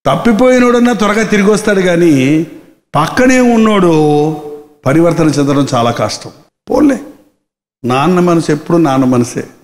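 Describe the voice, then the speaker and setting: A man's voice: a little high, normal speed, pauses often. A man preaching a live sermon, acting out characters and asking the crowd rhetorical questions. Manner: animated, acts out the characters in dialogue. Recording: echoey hall reverb.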